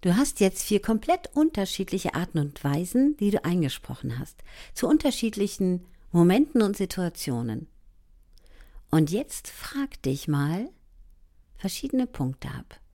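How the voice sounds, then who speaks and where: A woman leading a voice training lesson, speaking directly to the listener in an encouraging way, sometimes dropping into soft asides. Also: on the low side, big pitch swings, measured pace. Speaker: voice coach.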